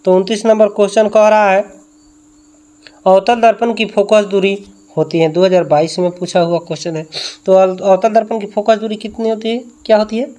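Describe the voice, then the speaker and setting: ऊँची आवाज़ वाला पुरुष ट्यूशन शिक्षक. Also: male voice, high-pitched, little pitch movement, moderate pace, mellow. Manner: repeats answers with rhetorical questions. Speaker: tuition teacher. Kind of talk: exam question walkthrough.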